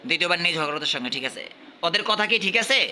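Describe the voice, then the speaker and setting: A man from Bangladesh teaching at a madrasa, quizzing his pupils and repeating questions while urging them to answer louder. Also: a little high, lively intonation, rapid-fire. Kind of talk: classroom quizzing.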